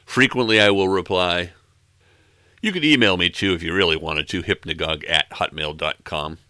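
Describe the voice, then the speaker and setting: A middle-aged man hosting a music podcast, casually back-announcing tracks in a relaxed, wry, self-deprecating way. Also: low voice, normal speed, no echo, studio quality. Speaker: podcast host.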